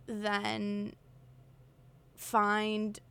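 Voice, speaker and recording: A woman's voice: mid-range voice, completely flat delivery, drawn-out words, gravelly, a bit bright, clean tone. A woman co-hosting a podcast, rambling and searching for her words with lots of fillers. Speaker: podcast co-host. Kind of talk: casual conversation.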